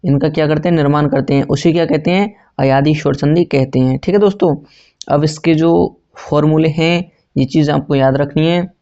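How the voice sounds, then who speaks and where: Gravelly, flat-voiced male grammar teacher. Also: a little high, a little fast, highs cut off. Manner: repetitive, asks and answers own questions; self-correcting, says sorry mid-sentence. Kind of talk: exam-prep grammar lesson.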